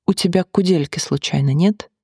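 Give me a reader playing a brash, curious bar manager with a husky, dry voice. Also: mid-range voice, normal speed, dark tone, dry recording. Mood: teasing.

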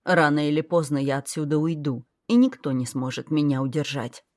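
A wry, world-weary young man, read by a woman narrator in a storybook. The delivery is dry and matter-of-fact, on the lower side of her voice. It sounds close and dry. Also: a little fast, a little mellow, no room sound, lightly acted. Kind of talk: audiobook character voice.

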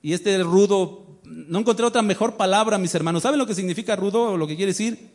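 A man's voice: high-pitched, fairly quick, darkish tone. A male pastor preaching a sermon, emphatic and full of rhetorical questions to the congregation.

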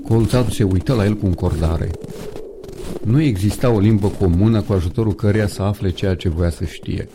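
A man with a husky voice reading a story aloud, measured and steady, giving the characters' lines a little colour. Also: lowish voice, noisy background. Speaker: audiobook narrator. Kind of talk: scripted narration.

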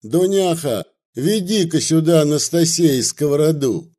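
A man putting on shrill jeering village women. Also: expressive, a little slow, mellow. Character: two tipsy loud village women, mocking and spiteful.

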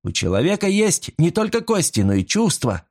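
A loyal, outspoken old servant woman from a storybook reading, sharp-tongued and forever calling on God, as a man acts her out. She talks up high and bright, with lots of movement in her voice. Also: very animated, normal speed. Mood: protective. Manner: bold, pious exclamations. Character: old outspoken female housemaid, pious and loyal.

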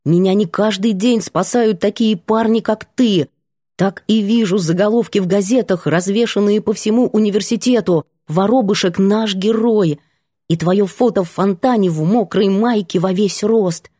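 A woman's voice: mid-range voice, normal speed, dark tone, slightly rough, no echo, studio quality, lightly acted. A woman reading an audiobook, voicing a bubbly, cheeky young female student who gushes and teases. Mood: gushing. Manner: gushing, teasing.

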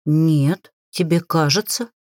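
A woman voicing a brash, jumpy young witch heroine who yells and talks back defiantly. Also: low-pitched, slow pace, dry recording, clean studio sound. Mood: wary. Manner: yelling, defiant.

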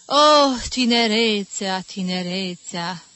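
A woman's voice: mid-range voice, animated, bright, forceful tone, no room sound. Woman voicing an effusive old society lady. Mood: gushing. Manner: gushing, theatrical, exclamatory.

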